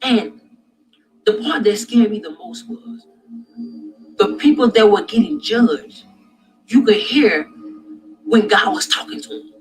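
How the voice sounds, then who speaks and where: A man telling a vivid religious dream in a halting, repetitive way that grows loud and intense. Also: sits high, low-quality recording. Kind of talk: personal dream testimony.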